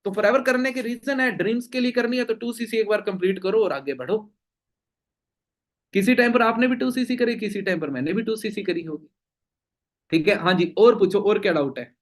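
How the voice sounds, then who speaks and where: Young guy running a team meeting q&a, high voice, keeps firing rhetorical questions at the room. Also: brisk. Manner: emphatic, full of rhetorical questions and "theek hai?" tags. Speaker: network marketing team leader.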